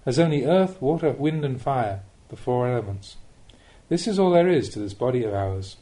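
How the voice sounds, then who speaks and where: This is an audiobook reading of a spiritual talk, voiced by a man narrating Buddhist teachings. He sounds mellow and soft, with lively shifts in pitch and the steady, deliberate pacing of a teacher.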